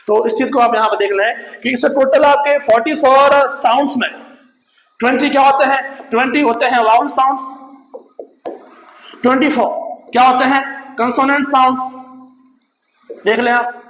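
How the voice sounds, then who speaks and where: A man with a strikingly high voice teaches a grammar lesson. He keeps asking questions and answering them himself, repeating each key term. The sound bounces around an echoey room. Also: steady tone, normal speed, pauses often, fairly bright tone. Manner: asks and answers his own questions, repeats key terms. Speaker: English teacher. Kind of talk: classroom lecture in Hindi.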